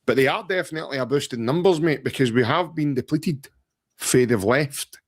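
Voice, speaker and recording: A man's voice: mid-range voice, a little fast. A Scottish man co-hosting a football podcast in casual, joking talk, often saying mate and aye. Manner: joking, rambling, says mate and aye a lot. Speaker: podcast co-host.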